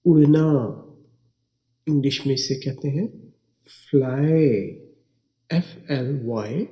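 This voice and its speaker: Slow, low-toned man. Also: warm tone. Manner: slow, spells letters out one by one and repeats each word. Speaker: English teacher. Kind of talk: slow spelling and pronunciation lesson.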